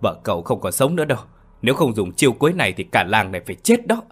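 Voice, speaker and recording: A man's voice: fairly low pitch, big pitch swings, fast talker, slightly rough, faint music behind. A man voicing an old village exorcist who commands and chants spells in a storybook tale. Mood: stern. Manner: commanding, then chanting incantations.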